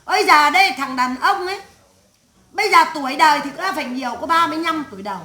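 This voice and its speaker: A woman's voice: sits high, expressive, quick pace, pushed and bright. A woman medium voicing the spirit of a stern old great-grandmother in a séance, scolding her family in a harsh, crude tirade full of curses. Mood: ranting. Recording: echoey room.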